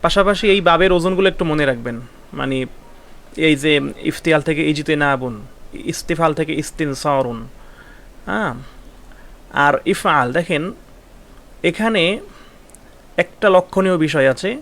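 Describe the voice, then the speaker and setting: A man's voice: on the high side, moderate pace, long pauses, a bit bright. A man giving an online Arabic grammar lesson, explaining patiently, repeating key terms and asking rhetorical questions.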